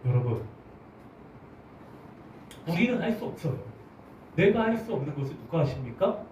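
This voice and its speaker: Animated pastor preaching in a roomy hall. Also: male voice, fairly high pitch, moderate pace, a little hiss or hum. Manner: animated, asks the congregation questions. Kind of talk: sermon. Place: church hall. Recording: roomy, distant, dull church recording.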